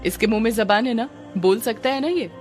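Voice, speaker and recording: A woman's voice: a little high, brisk, darkish tone, faint music behind, close to an everyday voice. A woman voicing a stern, angry female police officer who questions and scolds suspects. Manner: commanding, scolding.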